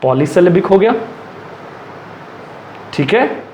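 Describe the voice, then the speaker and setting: A high-voiced man teaches a class in Hindi laced with English, repeating each rule slowly as he writes it and asking questions he answers himself. The room is echoey, with a faint hum behind him. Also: sing-song, mellow. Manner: repeats and dictates slowly while writing.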